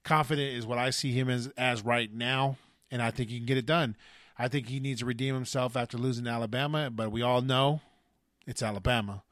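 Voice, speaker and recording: Lively male sports podcast co-host. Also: mid-range voice, brisk, no room sound, clean studio sound. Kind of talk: casual sports chat.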